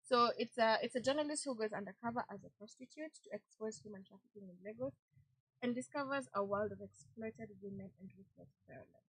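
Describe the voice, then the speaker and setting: A woman's voice: a little high, a little fast, a bit bright, breathy edge, no room sound, rough recording. A young Kenyan woman co-hosting a radio show, chatting casually and mixing in Swahili slang. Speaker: radio co-host. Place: radio studio.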